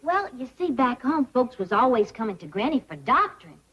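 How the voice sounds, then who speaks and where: A woman's voice: fairly high pitch, sing-song, brisk, bright, forceful tone, slightly rough, full character voice. An actress playing a naive, cheerful young backwoods woman with a rural Southern US accent, in a television sitcom. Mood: cheerful, guileless. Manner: guileless, folksy. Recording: dull sound, noisy with audience.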